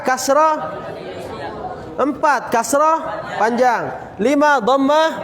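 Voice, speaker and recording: A man teaching a Quran recitation lesson, drilling students with repeated questions and slowly chanting example words. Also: extremely high pitch, big-room sound. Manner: occasional coughs, casual. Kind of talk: classroom tajwid lesson.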